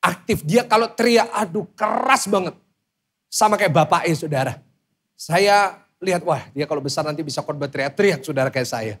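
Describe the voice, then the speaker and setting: A man in his thirties preaching a sermon loudly and with energy, often calling on the congregation to respond. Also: on the high side, normal speed, breathy edge. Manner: loud, lively preaching with calls to the congregation. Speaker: pastor.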